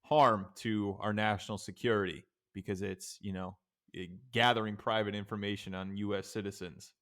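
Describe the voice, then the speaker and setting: A young man with a lowish, smooth voice, co-hosting a podcast. He talks in a relaxed, rambling way, filling in with casual asides. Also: moderate pace. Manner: laid-back, rambling explanations with fillers. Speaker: podcast co-host. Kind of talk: casual chat.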